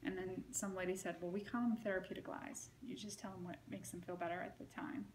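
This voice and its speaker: A woman's voice: lowish voice, level tone, a little fast. A woman being interviewed, telling a long story in a casual, rambling way full of "like" and "you know.". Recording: roomy with faint noise.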